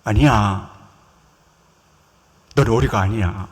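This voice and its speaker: A man playing a gentle reassuring swan. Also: lowish voice, slow pace, pitched below the performer's own voice. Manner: whispering comfort, counseling. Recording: reverberant church hall.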